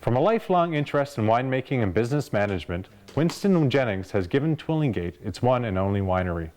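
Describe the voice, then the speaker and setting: A man reads a scripted preview of the next episode as show host in a friendly, even announcing tone. His voice sits at a middling pitch. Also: quick pace. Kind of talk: scripted narration.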